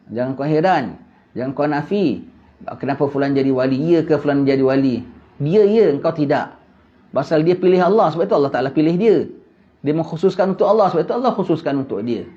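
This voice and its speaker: Guy preaching, fired up, lots of rhetorical questions, kinda muffled recording. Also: fairly high pitch. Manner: animated preaching, rhetorical questions, sudden emphatic bursts. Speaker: religious teacher. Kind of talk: Islamic lecture in casual colloquial Malay.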